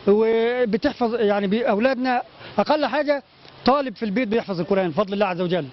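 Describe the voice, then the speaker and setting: Egyptian man guest, fast halting speech, high pitch, lo-fi sound. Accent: Egyptian Arabic. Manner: halting, many restarts, pious phrases. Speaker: community guest. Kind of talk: interview answers.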